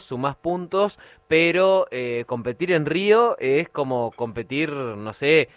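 A man's voice: medium pitch, no echo. Male radio host, conversational questions, dry studio sound. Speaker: radio interviewer. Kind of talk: interview questions.

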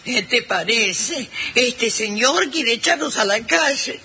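Bossy scheming mother, Rioplatense accent, exclamatory comedy delivery, very bright and swooping. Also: fairly high pitch, lively intonation, takes it slowly, slight background noise, heavily acted. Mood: pleading, indignant. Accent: Rioplatense Argentine. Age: middle-aged. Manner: exclamatory, wheedling and scolding. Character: bossy, scheming, exasperated mother of grown daughters. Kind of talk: theatrical comedy acting.

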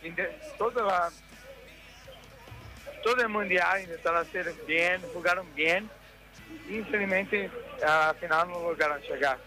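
A man from Brazil speaking Spanish with a Brazilian Portuguese accent, halting and searching for words in a street interview. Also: sits high, bright, forceful tone, soft background music, low-quality recording.

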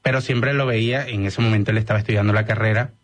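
A man's voice: lowish voice, steady tone. Venezuelan man on a radio interview. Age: 30s. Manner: measured, with many "eh" fillers. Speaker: guest, doctor.

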